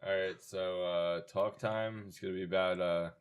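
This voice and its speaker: A man co-hosting a podcast, laid-back and halting, listing topics with plenty of pauses. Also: low voice, fairly even intonation, clean tone. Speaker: podcast co-host. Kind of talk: casual podcast banter.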